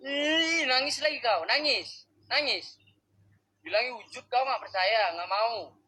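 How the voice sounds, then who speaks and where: A man's voice: very high-pitched, lively intonation, unhurried, bright, forceful tone, breathy edge. A man live-streaming a spirit summoning, scolding and coaxing unseen spirits in short, clipped outbursts.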